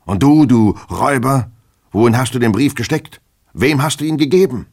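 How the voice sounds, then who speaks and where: A man voicing a fretful, fussy middle-aged male clerk who turns shrill and anxious when scolding. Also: lively intonation, normal speed, darkish tone, husky, full character voice.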